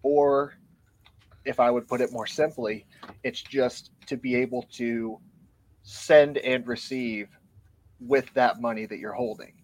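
A podcast guest explains his view in a casual discussion, earnest and a little out of breath, reading from show notes. His voice is mid-range and steady, and he speaks at a slow pace.

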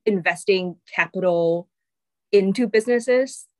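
This medium-pitched woman speaks unhurriedly, her voice a little mellow and the recording dry. She's a Singaporean venture capital partner in her thirties, a chatty interview guest whose accent mixes Singaporean and American English and whose speech is full of fillers like um and like.

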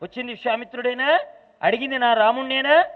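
A man's voice: very high-pitched, fast, narrow, tinny audio. A man voicing an aged king in a sermon retelling, asking hesitant, pleading questions. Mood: anxious.

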